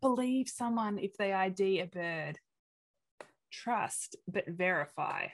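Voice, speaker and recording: Speaking slowly at medium pitch, a woman with an Australian accent gives a webinar talk on inclusion via webcam. She's lively throughout, acting out the reactions she quotes in assorted voices.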